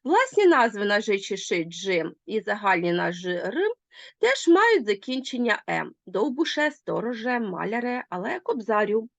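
Lively woman teaching a grammar lesson. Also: mid-range voice, normal speed, gravelly, no echo. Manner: lively, emphatic explaining.

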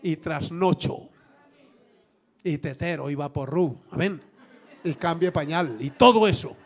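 A man's voice: a little high, measured pace. A pastor preaching a sermon to his congregation, telling stories, acting out the people in them and joking. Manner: lively, acts out quoted voices, jokes with congregation. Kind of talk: sermon with storytelling. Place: church.

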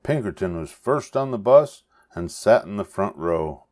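An older man reading a children's story aloud with expressive narration. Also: fairly low pitch, measured pace. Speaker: storybook reader.

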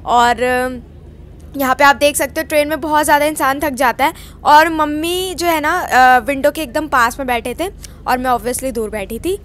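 A woman's voice: sits high, a bit bright, a little hiss or hum. A young woman vlogger narrating her video in a chatty, casual way, mixing in English words. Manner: chatty, mixes Hindi with English words, many fillers.

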